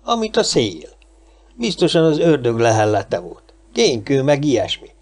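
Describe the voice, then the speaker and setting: A man's voice: mid-range voice, very animated. A man voicing a chatty, boastful homeless man in an audiobook, rambling and gossipy. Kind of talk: audiobook character reading.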